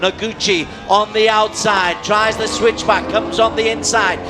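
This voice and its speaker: A man's voice: high-pitched, fairly even intonation, a little slow, music in the background. A man working as a motorsport commentator, calling a live motorcycle race with dramatic play-by-play.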